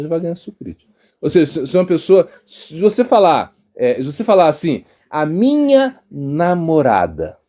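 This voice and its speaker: A middle-aged monk with a Brazilian Portuguese accent gives an informal devotional sermon in a slightly high voice. He tells stories in a lively, animated way, acting out quotes, and often restarts his sentences or stammers.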